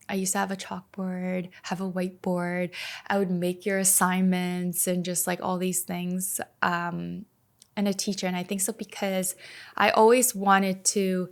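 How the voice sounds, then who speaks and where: A fairly low-pitched, gravelly voice at a slow pace belongs to a podcast guest in her thirties. A native Slovak speaker raised in Canada, she talks casually and in a relaxed way, peppering her speech with fillers, many of them "like."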